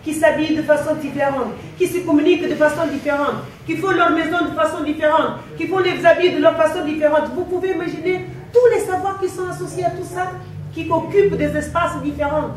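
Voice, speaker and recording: A woman from Guinea-Bissau with a foreign accent in her French, giving a conference talk in a deliberate, emphatic way with repeated phrases. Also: extremely high pitch, steady tone. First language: not French. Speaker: conference presenter. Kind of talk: impassioned public talk in French as a second language. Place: indoor conference room. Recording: very echoey hall, distant mic, faint noise.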